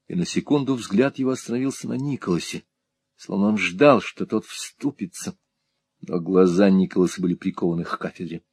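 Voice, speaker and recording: Man, low husky narrator, very lively pitch, dry studio sound. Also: no room sound. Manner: expressive, theatrical delivery. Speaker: audiobook reader. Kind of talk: dramatic audiobook narration.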